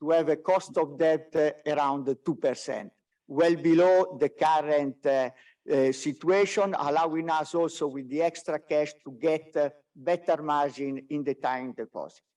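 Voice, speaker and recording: A company executive who isn't a native English speaker presents business results on a conference call, often hesitating and repeating words. His somewhat high voice is warm and measured, picked up by a distant mic in conference-call audio.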